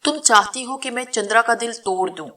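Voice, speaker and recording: A woman's voice: a little high, bright, forceful tone. A woman reading the part of an injured, stubborn young man who speaks defiantly and questioningly in a storybook reading.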